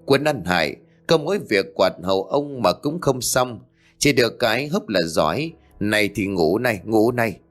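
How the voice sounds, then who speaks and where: A man voicing a tyrannical, quick-tempered old landlord who scolds and barks at his servant. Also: fairly low pitch, expressive, faint music behind, close to an everyday voice. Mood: furious. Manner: scolding, barking.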